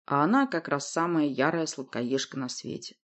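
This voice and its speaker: Expressive woman reading a fantasy story. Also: sits low, normal speed. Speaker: audiobook narrator. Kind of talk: first-person fantasy narration.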